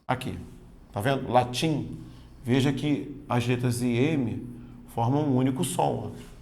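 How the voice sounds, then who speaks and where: Male teacher with some fry, casual, chatty, addresses the student directly. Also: medium pitch, measured pace, darkish tone. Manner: informal, slangy, talks straight to the student. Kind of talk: exam-prep grammar lesson.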